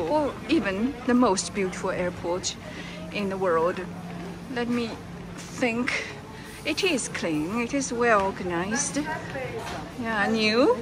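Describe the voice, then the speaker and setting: A woman narrating a casual walking tour as a travel vlogger, speaking in slow, halting, simple phrases while walking through a large airport terminal on a camera mic. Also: fairly high pitch. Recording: busy terminal noise behind.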